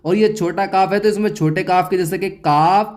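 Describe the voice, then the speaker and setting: Man, high voice, reading lesson, slow sounded-out syllables, quick explanations. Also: fairly even intonation. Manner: drills letter sounds slowly, explains rules fast. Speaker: Quran reading teacher.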